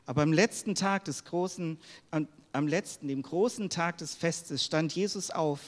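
A man's voice: fairly high pitch, moderate pace. Earnest preacher man in a reverberant hall. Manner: earnest, personal, addresses the congregation with questions. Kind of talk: sermon. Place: church hall.

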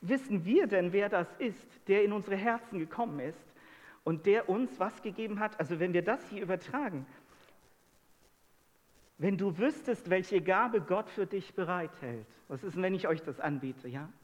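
High-voiced preacher in a reverberant hall. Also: male voice, animated, normal speed. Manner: asks the congregation many rhetorical questions. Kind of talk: sermon.

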